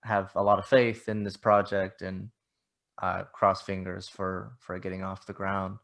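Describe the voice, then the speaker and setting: A man's voice: low voice, level tone, measured pace, creaky, fairly bright tone. A man hosting a podcast, talking modestly and hesitantly with many restarts. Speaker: podcast host. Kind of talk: casual interview chat.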